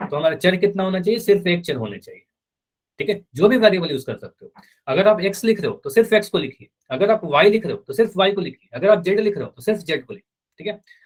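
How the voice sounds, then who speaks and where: A man's voice: high-pitched, rough recording. A man teaching a live online math class, patiently repeating key points and speaking students' answers for them.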